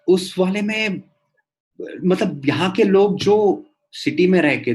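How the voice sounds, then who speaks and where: A man's voice: a little high, darkish tone. A man talking casually as a guest entrepreneur on a video call, with many fillers and restarts.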